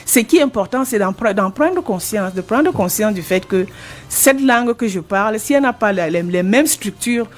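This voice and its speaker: Speaking at normal speed in an expressive, medium-pitched voice, a woman in her sixties with a Cameroonian French accent answers interview questions. The retired language teacher is earnest and explanatory, repeatedly restarting what she says.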